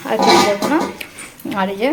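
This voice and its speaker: Fast-talking woman cooking at home. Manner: chatty, addresses viewers directly, frequent fillers. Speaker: home vlogger. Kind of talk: casual vlog narration while cooking. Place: home kitchen with sizzling food.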